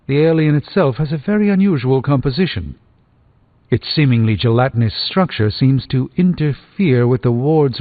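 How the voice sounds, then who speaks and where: An actor playing an erudite, wry sorcerer doctor in a video game, articulate and formal with a slightly pompous, dry wit. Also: male voice, medium pitch, natural voice. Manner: articulate, formal, dryly witty. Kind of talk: scripted video game character dialogue. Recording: tinny band-limited game audio over music.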